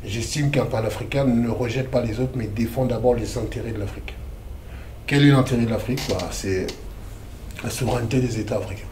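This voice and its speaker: A man's voice: medium pitch, brisk, a little mellow, roomy sound, slight background noise. A man from the Democratic Republic of the Congo, in his thirties, speaking as an activist interview guest in a casual, emphatic, slangy way.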